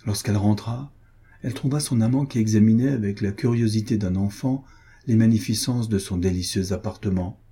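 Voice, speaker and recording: A man reading a nineteenth-century romance novel aloud in calm, measured narration. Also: on the low side, slightly rough. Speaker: audiobook reader.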